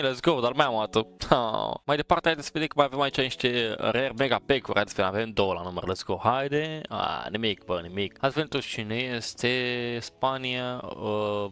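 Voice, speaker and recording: A man's voice: mid-range voice, a bit bright. A man giving casual, eager commentary as he opens football card packs, urging the game on and tossing in English exclamations. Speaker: gaming streamer opening packs. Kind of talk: casual pack-opening commentary.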